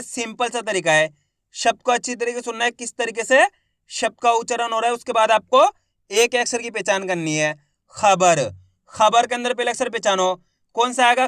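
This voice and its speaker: A man with a high voice leads a patient literacy lesson, breaking each word into syllables and repeating it back. He talks straight to his viewers and asks them questions. The sound is dry and close, with no room echo. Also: a bit bright. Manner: addresses viewers as friends, asks quiz questions. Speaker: Hindi reading teacher.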